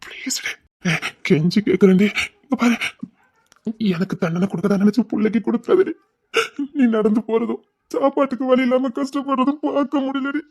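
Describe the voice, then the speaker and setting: A man with a Tirunelveli accent playing a remorseful young husband, pleading in a hushed, tearful voice. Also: extremely high pitch, moderate pace. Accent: Tirunelveli Tamil. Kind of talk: web drama acting.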